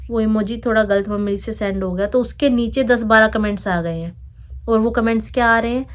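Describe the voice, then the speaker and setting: A young woman vlogger who is unwell, speaking to camera in an upset, indignant way and addressing commenters directly. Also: medium pitch. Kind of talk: emotional vlog talk to camera.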